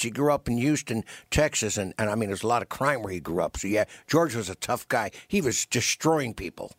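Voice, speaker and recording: An emphatic male guest spins boxing stories in a dry, close studio sound. His pitch sits in the ordinary middle range, and he leans hard on key words as he talks. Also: a bit bright, dry recording. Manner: storytelling, emphatic. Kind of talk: radio interview chat.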